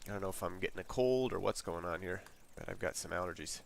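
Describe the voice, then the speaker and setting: The speaker is a congested male streamer, low-pitched, fast, and creaky, giving casual walkthrough narration of a flight sim checklist. Relaxed and rambling, he reads each item aloud into a desk mic, and the home recording carries noise.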